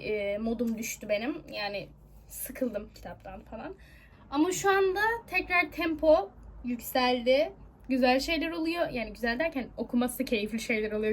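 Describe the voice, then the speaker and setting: High-pitched animated young woman vlogger. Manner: animated, exclaiming, laughing often. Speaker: book vlogger. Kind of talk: casual reading vlog.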